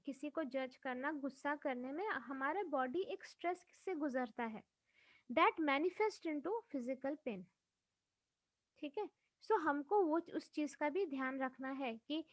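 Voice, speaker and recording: A woman spiritual teacher giving a teaching session, telling personal anecdotes in an expressive, chatty way. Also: sits high, no echo.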